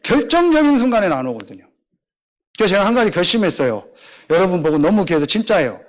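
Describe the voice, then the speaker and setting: Middle-aged pastor, high voice, tells stories in his sermon. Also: quick pace. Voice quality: animated storytelling, acting out dialogue in lower voice.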